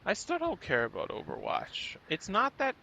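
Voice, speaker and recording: A young man streams a game and rambles through an absurd, meandering rant. His voice sits fairly high and sounds bright, and it swoops around wildly as he rambles. He keeps breaking into squeaky mock voices. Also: wildly swooping pitch, moderate pace, creaky, muffled recording, slight background noise.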